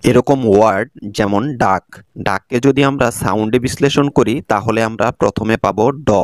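A man with a Bangladeshi Bengali accent, low-pitched and clear, talks through English phonics. He breaks each word into its sounds carefully. The voice-over is dry, with no room sound. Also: dry recording. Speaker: English teacher. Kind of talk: scripted lesson narration.

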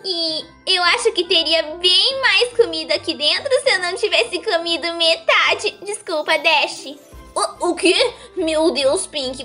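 Woman doing a playful, hungry cartoon pony, Brazilian Portuguese, very high and lively, faint music behind. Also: full character voice. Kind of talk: fan role-play voice acting.

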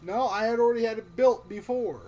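A man hosting a casual let's play, excitable and swearing often as he talks. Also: extremely high pitch, brisk. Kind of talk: casual gaming chat. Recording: gunfire and game noise over voice.

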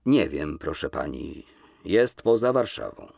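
A man's voice: a bass voice, very animated, measured pace, vocal fry, a little mellow, pitched below the performer's own voice, exaggerated voice. A man reading an audiobook, voicing an embarrassed, reluctant young man who answers in a subdued, hesitant way. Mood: awkward.

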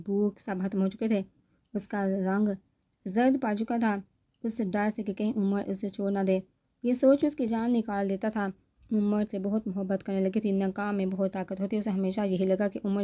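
A woman narrating a romance novel aloud in a steady storytelling manner. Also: mid-range voice. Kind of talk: novel reading.

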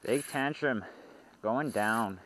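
A man vlogging while ice fishing outdoors on a frozen lake, muttering quietly while he waits and shouting when he lands a fish. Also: mid-range voice, slow, slight background noise, rough recording. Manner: swings from hushed muttering to loud excited shouts. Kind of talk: casual outdoor vlog commentary.

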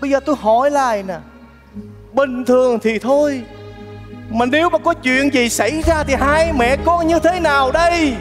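A gentle bachelor neighbor in a stage comedy, coaxing and earnest as he pleads. His voice sits very high for a man. The sound rings with a long stage reverb over faint music. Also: normal speed.

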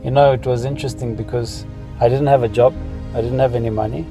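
Music runs beneath a Zimbabwean-accented man in his fifties who vlogs casually about his own life, recalling and explaining as he goes. He talks quickly in a steady, mid-range voice.

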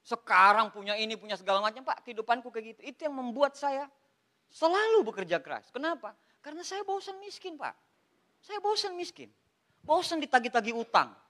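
An Indonesian man speaks as a motivational speaker to a seminar audience. His voice sits high and sounds bright and forceful. He jokes and keeps the delivery animated, turning to the room again and again. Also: a little fast. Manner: lively, joking, addresses listeners as Pak.

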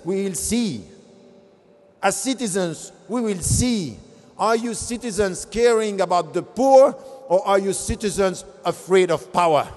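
A man's voice: high-pitched, darkish tone. A man in his fifties giving an impassioned religious lecture at a podium mic on a convention stage, asking rhetorical questions. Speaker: convention speaker. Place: large convention hall stage. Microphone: podium gooseneck mic. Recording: long reverb of large hall.

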